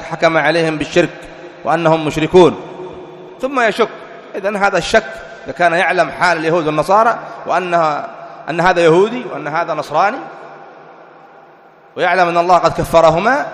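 Man lecturing in an echoey hall. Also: on the high side. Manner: asks rhetorical questions and answers them; reads quoted text slowly and deliberately. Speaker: religious teacher. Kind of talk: lecture explaining a creed text. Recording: echoey hall with long reverb.

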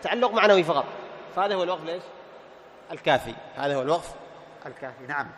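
A man's voice: fairly high pitch, lively intonation, racing, fairly bright tone. Man teaching Quran recitation in a hall. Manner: quizzing, chanting verses in recitation style. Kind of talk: classroom lesson with questions to students. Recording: faint noise, long reverb.

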